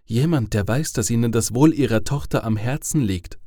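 A man voicing a cold male caller who threatens in a calm, measured way. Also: mid-range voice, dry recording, studio quality, close to an everyday voice. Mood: menacing.

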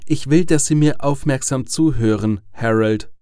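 A man voicing a cold male caller who threatens in a calm, measured way. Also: medium pitch, dry recording, studio quality, close to an everyday voice. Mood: threatening.

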